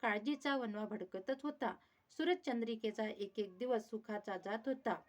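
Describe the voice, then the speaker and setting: A woman storyteller reading a devotional folk tale aloud. Her voice sits a little high for a woman, and her narration flows steadily and evenly. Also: moderate pace.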